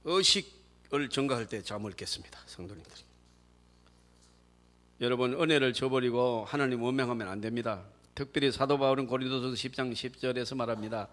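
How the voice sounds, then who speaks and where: A man preaching a sermon as pastor, moving between quiet asides and loud, shouted exhortations. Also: mid-range voice, a little fast. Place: church sanctuary.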